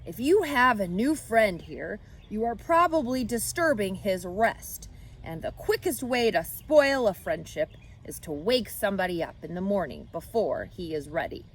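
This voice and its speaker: A woman's voice: mid-range voice, big pitch swings, unhurried, slightly rough, exaggerated voice. A woman voicing a grumpy, disgusted old sheep in a children's storybook, lecturing and scolding. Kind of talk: children's storybook read-aloud.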